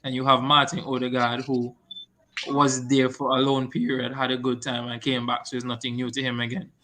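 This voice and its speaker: A man's voice: medium pitch, completely flat delivery, moderate pace. A man in a casual football podcast, arguing his side with heat and repetition. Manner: argumentative, gets loud and repetitive when heated. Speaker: podcast co-host, Arsenal fan.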